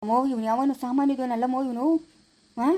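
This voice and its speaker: A woman's voice: high-pitched, little pitch movement, a little fast, loud music behind the voice, close to an everyday voice. A woman playing a hot-tempered young son who threatens the man insulting his mother, with a Chikkaballapura Kannada accent and blustering, threatening talk. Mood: furious.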